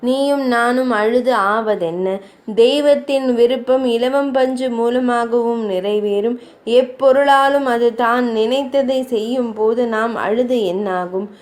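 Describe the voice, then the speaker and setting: A woman voicing a grief-stricken young king who mourns his dead wife in a slow, mournful lament. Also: fairly high pitch, a little mellow, close to an everyday voice.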